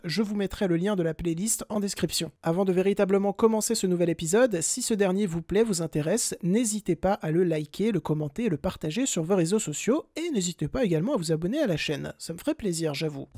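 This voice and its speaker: A man with a French accent hosting a casual film review podcast in an expressive way, breaking into his own sentences with mock-exasperated asides. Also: high-pitched, no room sound, studio quality. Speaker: podcast host.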